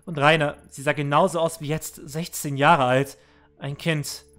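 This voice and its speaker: A man reads game text aloud and comments as he plays, in an earnest, somber tone. His voice sits a bit high for a man, and he stumbles and restarts words now and then. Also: flat delivery, moderate pace, a bit bright, faint music behind. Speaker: let's play gamer. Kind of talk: reading and commenting on a video game.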